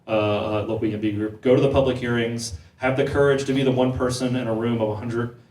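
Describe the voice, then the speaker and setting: Male panel speaker, casual and quick, restarts mid-sentence, room echo, mic at a distance. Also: mid-range voice, steady tone, a little mellow. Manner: quick, repeats words while thinking. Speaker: panel speaker on housing policy. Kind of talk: conversational panel discussion. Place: event hall.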